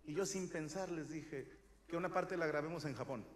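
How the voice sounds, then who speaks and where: Mexican comic in his thirties, high-pitched, crude and slangy, with loud shouted bits; noisy live show. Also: moderate pace. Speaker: stand-up comedian. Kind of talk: stand-up comedy monologue.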